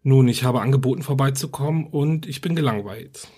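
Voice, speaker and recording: A man's voice: mid-range voice, fairly quick, warm tone, slightly rough, voice pushed up, natural voice. A male narrator reading the lines of a casual, teasing young male friend in a horror story.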